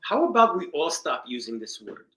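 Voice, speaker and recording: A man's voice: a little high, normal speed. A man chatting on a podcast and telling a family story, acting out the people in it. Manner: animated storyteller, acts out voices in quotes. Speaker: podcast co-host. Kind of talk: casual conversation and storytelling. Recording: echoey room.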